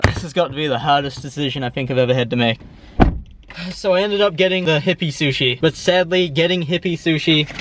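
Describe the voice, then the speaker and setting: A young man hosts a casual vlog in a fairly high voice. He talks in an excitable, jokey way full of slang, with some noise behind him. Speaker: host of a hobby craft video channel.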